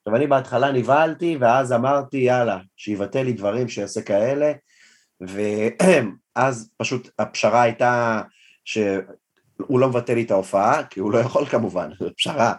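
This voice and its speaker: A young man, a guest comedian, tells an anecdote in a casual, self-deprecating and animated way. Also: medium pitch. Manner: animated, self-deprecating storyteller who acts out quotes. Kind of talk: casual storytelling in a podcast interview.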